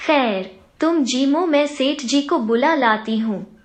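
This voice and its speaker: Gentle storybook sister, voiced by a woman narrator, high and unhurried. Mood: troubled. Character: affectionate, long-suffering wife and sister.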